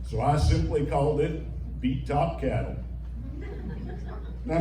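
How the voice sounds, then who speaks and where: Echoey distant recording, background noise, man, American cowboy twang, folksy drawling cowboy poet, rhymed storytelling. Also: a little high. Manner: folksy, slow storytelling drawl with rustic grammar. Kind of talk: rhymed cowboy poetry recital. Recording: echoey, distant mic, noisy room.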